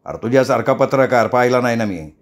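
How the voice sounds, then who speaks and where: A man's voice: medium pitch, expressive, fast talker, close to an everyday voice. A man voicing a blunt, sardonic middle-aged gang boss.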